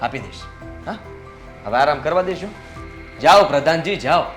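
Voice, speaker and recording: A smug, idle young son argues back at his father with mocking retorts. His voice is high and bright, and faint music plays under him. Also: fairly quick. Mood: sarcastic. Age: young adult.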